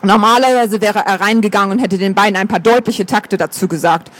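A man narrating a story aloud with a notably high voice. His delivery is even and steady, the calm pace of a scripted audiobook reading. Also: brisk.

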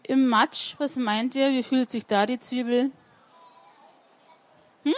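A woman's voice: high-pitched, fairly even intonation, slow. A woman reading a story to children and asking them questions as she goes. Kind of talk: interactive read-aloud storytelling.

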